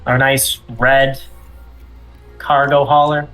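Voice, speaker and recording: A man with a mid-range voice improvises casually as a tabletop player, in a hesitant, halting manner. Quiet music plays behind him. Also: medium pitch, level tone, low-quality recording. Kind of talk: casual, improvised role-play.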